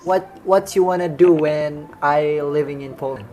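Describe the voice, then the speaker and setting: Faint music plays softly as a man from Indonesia jokes around with strangers on a video call, cracking himself up as he teases them. His pitch is fairly high and his tone dark, and he speaks at a normal speed in this casual banter as a host who sings to people on video chat.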